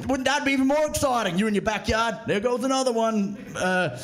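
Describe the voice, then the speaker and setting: A man doing a stand-up routine on stage, ranting loudly and swearing at the audience. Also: extremely high pitch. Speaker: comedian. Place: comedy club stage.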